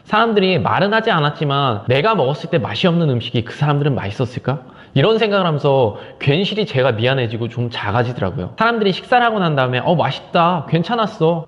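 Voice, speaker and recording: A man giving an energetic, emphatic motivational talk, acting out quoted dialogue as he goes. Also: a little high, big-room sound, highs cut off. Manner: energetic, emphatic, more forceful than usual. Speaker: speaker giving a morning talk on conversation skills.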